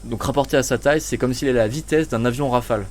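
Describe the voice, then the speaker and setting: Man explaining plankton science, halting. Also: mid-range voice, darkish tone, a little hiss or hum. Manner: hesitant, many fillers, explanatory.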